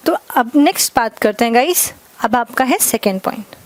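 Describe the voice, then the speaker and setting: A woman teaching grammar in Hindi. She dictates example sentences slowly word by word and keeps checking in with "ठीक है". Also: a little high, lively intonation. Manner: addresses viewers as "guys", repeats "ठीक है" often. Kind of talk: classroom grammar lesson.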